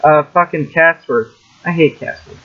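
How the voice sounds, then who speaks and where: A man's voice: fairly high pitch, normal speed. A young American man co-hosting a podcast, chatting casually in a blunt, contrarian way. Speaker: podcast co-host. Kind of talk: casual group chat. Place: outdoors in a park. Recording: dull lo-fi amateur recording.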